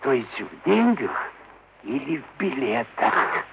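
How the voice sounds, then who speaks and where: A heavily acted male voice of medium pitch with big pitch swings plays an oily, creaky, pompous schemer, a wheedling middle-aged official who is a merchant's son-in-law. His unctuous delivery uses deliberate officialese and coaxing diminutives in theatrical classic Russian stage style. It's a dull vintage radio recording with faint hiss.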